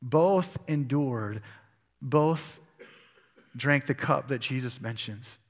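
A male pastor preaches a sermon in a church sanctuary, reading scripture aloud and asking his congregation questions. His medium-pitched voice takes things slowly, and the long church hall reverb hangs on his words.

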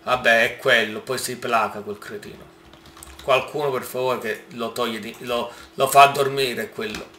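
A man giving casual gameplay commentary, excitable and exclaiming often as he talks to his viewers. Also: mid-range voice, normal speed, echoey room, slight background noise. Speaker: gaming YouTuber.

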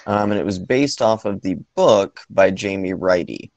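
A man's voice: low-pitched, moderate pace, a little mellow, no echo, muffled recording. A man co-hosting a casual movie podcast, talking in a hesitant way with lots of ums and restarts. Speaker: podcast co-host.

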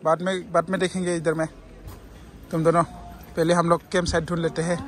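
A man's voice: a little high, flat delivery, brisk. A young man vlogging his trip, chatting as he walks outdoors with a phone held at arm's length. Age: young adult. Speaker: travel vlogger. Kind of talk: casual travel vlog. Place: outdoors at a busy festival and roadside. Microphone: phone camera held at arm's length. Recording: noisy outdoor phone recording.

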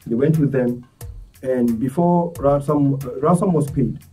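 A man, a charity volunteer speaking as a guest in earnest, halting talk full of restarts. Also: mid-range voice, mellow. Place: studio set. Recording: distant mic, faint music behind.

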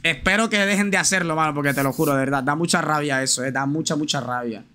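A male live streamer talking loosely over gameplay, slangy and chatty, addressing his viewers directly. His voice sits a little high and rings bright and forward, with a faint hiss of noise under it. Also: fast talker. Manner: chatty, slangy, talks straight to viewers and reads chat aloud. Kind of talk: casual live gameplay chat.

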